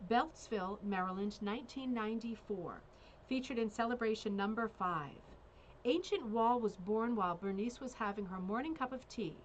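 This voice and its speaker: Chatty woman calling craft bingo, noisy background. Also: on the high side. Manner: bingo caller announcing calls and reading out details; chatty, digressive, frequent "right?" check-ins. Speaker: host of a live craft bingo show. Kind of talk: casual live show chat with read-out descriptions. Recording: clearly audible background noise.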